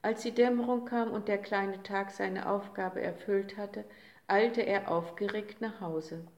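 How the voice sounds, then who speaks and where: Slow, expressive woman storyteller. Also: medium pitch. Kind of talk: reading a children's story aloud. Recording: roomy echo.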